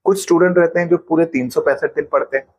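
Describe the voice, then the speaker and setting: A male financial planner appears as a guest in an explanatory interview, calmly teaching like an instructor. His husky voice sits on the high side and moves at a quick pace, and he patiently illustrates points with everyday examples.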